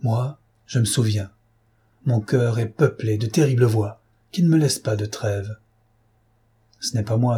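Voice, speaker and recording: A man's voice: mid-range voice, warm tone, husky. Man reading as a brooding vengeful old nobleman. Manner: brooding, bitter, declamatory. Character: bitter vengeful older Spanish nobleman, brooding. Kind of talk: audiobook reading.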